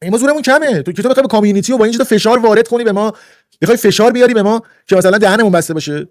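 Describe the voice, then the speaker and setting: A man's voice: high-pitched, a little mellow, no echo, clean studio sound. A man ranting indignantly on a livestream, lecturing and repeating his points for emphasis. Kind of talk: heated livestream rant.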